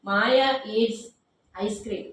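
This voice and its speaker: A woman's voice: mid-range voice, steady tone, drawn-out words. A woman teaching grammar to a class, firmly quizzing students and repeating their answers back to them. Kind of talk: classroom drilling with questions. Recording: very echoey room, faint background noise.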